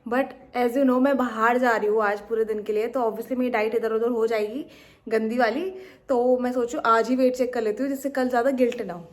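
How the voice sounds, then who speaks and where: A young woman with an Indian accent, chatting quickly and casually as a vlogger. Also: on the high side, fairly even intonation. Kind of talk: casual vlog chat in Hindi-English mix.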